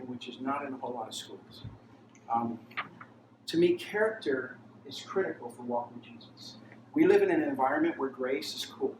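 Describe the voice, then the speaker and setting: A man's voice: mid-range voice, noisy background. A pastor telling a rambling personal testimony in a sermon, acting out the voices he quotes. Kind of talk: testimony sermon at a mission training. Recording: roomy sound, mic far off, faint ambience.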